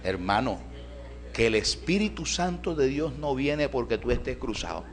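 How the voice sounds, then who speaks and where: A male pastor preaching a storytelling sermon in a church, folksy and animated, often calling his listeners brother. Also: mid-range voice, moderate pace.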